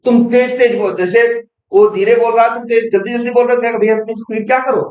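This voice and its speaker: Young male coding tutor, very high voice, quizzes and answers himself, echoey room. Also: steady tone, fast talker, darkish tone. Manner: explains with rhetorical questions he answers himself. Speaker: programming teacher. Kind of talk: informal coding lesson.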